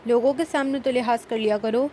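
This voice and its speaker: A woman's voice: a little high, fairly even intonation, mellow, slight background noise, close to an everyday voice. A woman voicing a stern, irritable young husband who scolds in a storybook reading. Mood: scolding. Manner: scolding, impatient.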